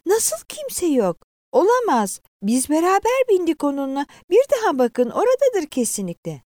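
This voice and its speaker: A woman's voice: on the high side, big pitch swings, moderate pace, mellow, no room sound, studio quality, voice pushed up. A woman voicing a frightened young wife who pleads tearfully and insists she is right. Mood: desperate.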